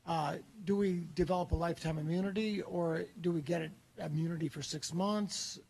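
An older man in the audience quietly asks wry questions into a handheld mic in a large museum hall. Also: a little high, steady tone, moderate pace, gravelly, breathy edge. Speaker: audience member asking questions. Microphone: handheld microphone.

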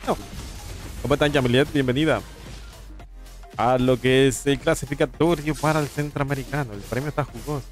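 A man's voice: medium pitch, steady tone, brisk, long pauses, faint music behind. A man with a Panamanian accent giving live esports commentary, calling plays and teasing the chat between them. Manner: playful, teasing chat with viewers between play-by-play. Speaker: esports caster.

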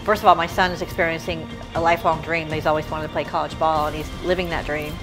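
A woman, a football player's mother, speaking haltingly and close to tears with pride. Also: sits low, level tone, rough recording. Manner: halting, emotional, proud. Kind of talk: sports interview. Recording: background music under voice.

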